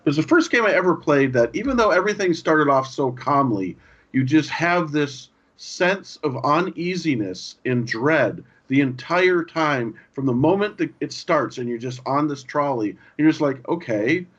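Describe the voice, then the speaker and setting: A man co-hosting a gaming podcast, chatting casually and telling stories with lively acted-out lines. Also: fairly high pitch, moderate pace. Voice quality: animated storyteller, acts out game lines. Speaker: podcast co-host. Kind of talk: casual chat. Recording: dull lo-fi audio.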